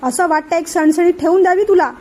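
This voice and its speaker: A woman's voice: high voice, moderate pace, a little mellow, natural voice. A woman reading the part of a stern, angry middle-aged uncle who scolds impatiently. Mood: scolding.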